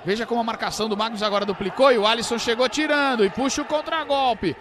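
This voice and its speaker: A Brazilian man giving explosive, excitable futsal goal commentary with drawn-out shouts. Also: extremely high pitch. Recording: noisy sports arena ambience.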